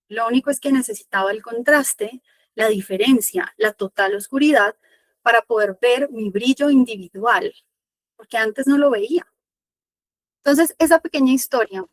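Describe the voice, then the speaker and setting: Woman, spiritual teacher, masterclass storytelling, reflective, repetitive, higher pitch, dry sound. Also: no room sound. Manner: slow, reflective, repeats phrases.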